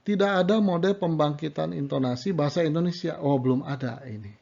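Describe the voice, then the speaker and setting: A middle-aged man lectures at a university, walking through his points with rhetorical questions and little checks like "right?". His voice has a gravelly, fry-laden edge. The recording sounds dull and lo-fi. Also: a little high, a little fast, warm tone. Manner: explanatory, rhetorical questions, frequent "ya" and "nah".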